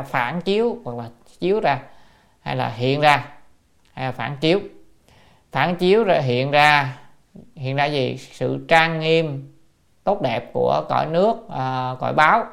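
Creaky-voiced man lecturing on sutras. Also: mid-range voice. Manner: intones classical phrases slowly, then explains each word; rhetorical questions to the audience. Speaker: Buddhist dharma lecturer.

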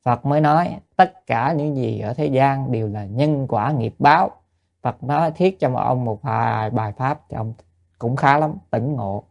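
A male Buddhist teacher delivers a dharma talk woven with a story. His voice has a gravelly, creaky texture at a middling pitch. He keeps turning to listeners with rhetorical questions. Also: a little mellow.

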